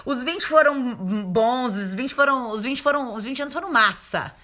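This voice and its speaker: A woman's voice: a little high, normal speed, bright, forceful tone. A woman in her thirties co-hosting a casual podcast, chatty and full of restarts and laughs. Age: 30s. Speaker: podcast co-host. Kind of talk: casual chat.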